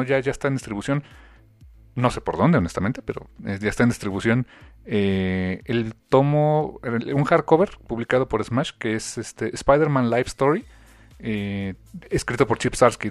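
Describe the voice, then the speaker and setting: A man hosting a comics podcast, chatting casually and rambling through filler pauses. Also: mid-range voice, no room sound. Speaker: podcast host. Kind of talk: casual chat.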